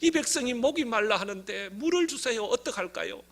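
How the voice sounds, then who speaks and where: A man voicing Moses as a humble man pleading softly before God. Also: very high voice, expressive, fairly quick, full character voice. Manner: soft, pleading, deferential.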